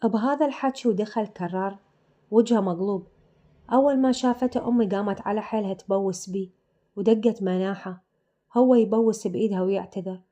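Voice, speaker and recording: A woman with an Iraqi Arabic accent narrates a family story in a casual, chatty way. She talks straight to her listeners as she goes. Her voice is mellow and soft. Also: mid-range voice, brisk. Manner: chatty, addresses listeners directly.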